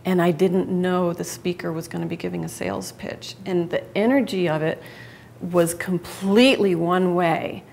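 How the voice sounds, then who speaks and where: A woman's voice: fairly low pitch, steady tone, normal speed, vocal fry, a little mellow, slight background noise. A woman giving a live public speaking talk to an audience, chatty and conversational, often restarting and correcting herself mid-sentence.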